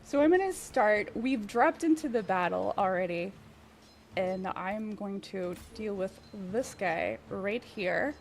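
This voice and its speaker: A woman's voice: mid-range voice, vocal fry, a little hiss or hum. A woman hosting a live game stream. She is easygoing and laughs often while she plays and explains. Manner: giggly, easygoing, unhurried. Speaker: stream host.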